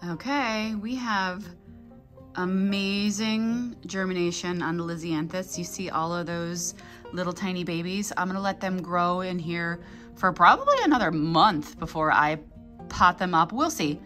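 Brief: woman in her thirties, flower-farm vlogger, chatty and upbeat, slightly low voice, faint music underneath, phone-camera sound. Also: measured pace, pushed and bright. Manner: chatty and enthusiastic. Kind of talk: casual vlog narration. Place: basement seed-starting room.

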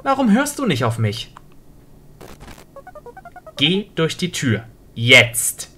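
A woman's voice: deep voice, big pitch swings, slow pace, pushed and bright, soft background music, heavily acted. A woman reading out the lines of a clingy, possessive boy buddy from a game as he pleads with the player. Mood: reproachful. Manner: pleading, rising to frantic begging.

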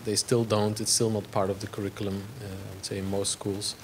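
A Flemish-accented Belgian in his forties, Dutch by first language, gives a halting artist talk in a gallery room, full of fillers and restarts. A lapel mic captures his fairly low-pitched, flat delivery along with slight background noise.

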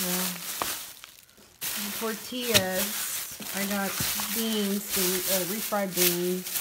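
A woman in her thirties talks casually into a phone held close in her kitchen, with a mid-range voice. She rambles through her groceries with plenty of ums, relaxed and unhurried. Plastic bags rustle clearly behind her. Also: medium pitch, very noisy. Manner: chatty, unhurried, lists items with many fillers. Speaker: vlogger. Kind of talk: casual product review vlog. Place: home kitchen, indoors. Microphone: phone camera held close.

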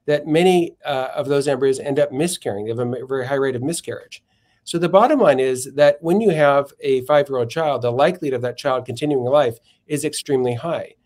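Measured man explaining arguments step by step. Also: a little high, darkish tone. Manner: measured, methodical, frequent self-corrections. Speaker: philosophy professor guest. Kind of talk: explaining arguments in a podcast interview.

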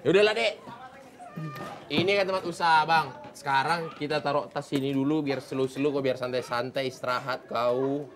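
A man's voice: medium pitch, fairly even intonation, moderate pace, a crowd in the background. A man performing in a comic sketch, bossy banter broken up by laughter. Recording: loud audience behind.

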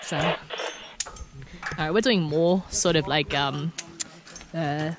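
A woman's voice: low voice, fairly even intonation, slow pace. A woman vlogging at an outdoor jungle adventure park, gasping, laughing and exclaiming nervously as she goes. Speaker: travel vlogger. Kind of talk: excited on-the-go vlog chat. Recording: noisy outdoor camera audio.

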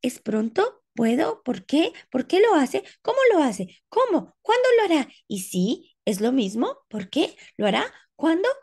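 A woman's voice: high voice, sing-song, vocal fry, darkish tone, pitched above the performer's own voice, exaggerated voice. A woman voicing a curious little girl scientist who fires off eager questions in a storybook reading. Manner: rapid-fire eager questions.

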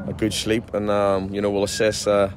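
At a night-time outdoor post-match interview, a football manager in his forties talks at normal speed in a fairly low, monotone voice. He's chatty, keeps restarting sentences and using fillers, and there's slight background noise.

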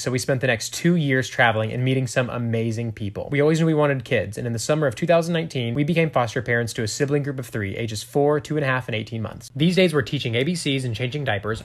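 A man's voice: medium pitch, fast, few pauses. A man narrating his couple's story in scripted, rehearsed form.

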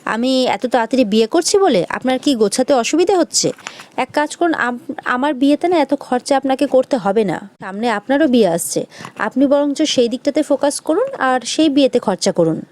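A woman reading the lines of a defiant, sharp-tongued young woman, in an indignant, retorting tone. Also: sits high, animated, brisk.

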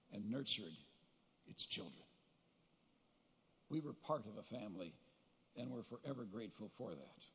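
A man's voice: mid-range voice, slightly rough. Older man giving a eulogy in a reverberant hall. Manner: reminiscing storyteller, gentle humor, pauses to recall. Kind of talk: funeral eulogy. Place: large funeral hall. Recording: long reverb of a large hall.

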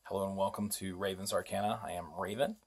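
A man hosting a spoken lesson on language and spellcraft, unhurried and reflective, often asking rhetorical questions. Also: low voice, steady tone, vocal fry, slightly rough. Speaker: host.

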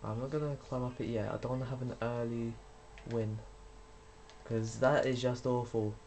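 A young man talks loosely over his gameplay at home, rambling from thought to thought at an ordinary middle pitch. He curses freely whenever a move goes wrong. A faint hiss sits under his voice. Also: steady tone, normal speed, darkish tone. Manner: chatty, rambling, swears when frustrated. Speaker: gaming YouTuber. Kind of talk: casual gameplay commentary.

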